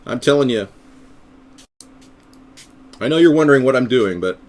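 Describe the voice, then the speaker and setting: On his live stream, a middle-aged third-party candidate from the United States rambles sardonically for his viewers and sometimes puts on silly voices. His mid-range voice has a darkish tone and lively intonation at a normal speed.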